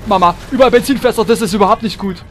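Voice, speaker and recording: A man's voice: sits high, very fast, a little hiss or hum. A man giving chatty commentary while playing a shooter game, humming and chanting while he shoots and exclaiming often. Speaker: let's player. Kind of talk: gameplay commentary.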